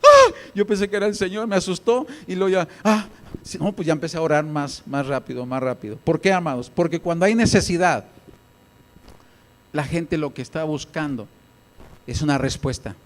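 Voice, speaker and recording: A Mexican man preaches a Sunday sermon in a church, telling animated stories full of acted voices. His voice sits high for a man. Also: brisk.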